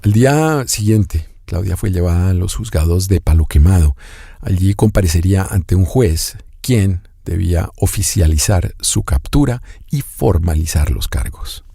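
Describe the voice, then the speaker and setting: A man hosting a documentary podcast, reading serious narration and asking his guest questions in a measured way. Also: low-pitched, lively intonation, vocal fry, mellow, slightly rough, no echo, studio quality. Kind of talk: scripted narration and interviewing.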